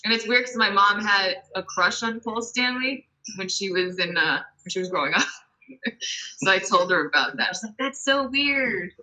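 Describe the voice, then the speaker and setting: A woman's voice: medium pitch, normal speed, low-quality recording. A young adult woman, a guest musician, telling a story in casual chat and acting out what people said. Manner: animated, acts out quotes, many "I'm like".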